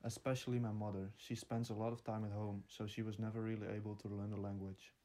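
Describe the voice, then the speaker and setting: Teen male interviewee from the Netherlands, earnest and plain, a touch low, darkish tone. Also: level tone, fast talker, mellow. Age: teens. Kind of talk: answering interview questions.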